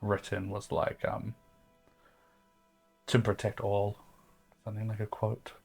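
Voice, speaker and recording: A man's voice: fairly low pitch, monotone, unhurried, creaky, a little mellow, husky, soft background music. A man playing his character in a tabletop game, talking in a rambling, hesitant way with many fillers. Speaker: player. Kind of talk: in-character tabletop role-play.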